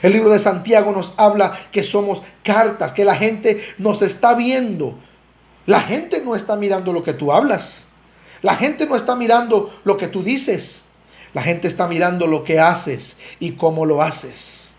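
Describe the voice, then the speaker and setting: A Costa Rican man preaches with a notably high voice, pressing his points and speaking straight to the congregation. His delivery swells and drops as he stresses each call to holiness. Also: expressive, unhurried, darkish tone. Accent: Costa Rican Spanish. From Costa Rica. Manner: earnest preaching, rising and falling emphasis, direct address to the congregation. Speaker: pastor. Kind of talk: sermon.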